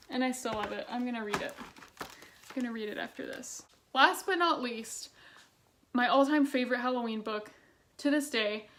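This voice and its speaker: A woman's voice: fairly high pitch, fairly bright tone, slight background noise. A woman in her twenties, chatty and gushing, with lots of fillers as she talks about her childhood books. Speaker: book vlogger.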